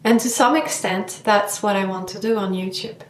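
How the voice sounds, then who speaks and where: A woman's voice: mid-range voice, normal speed, roomy sound, distant mic. A woman yoga teacher talking in a reflective vlog monologue, thoughtful and searching for her words.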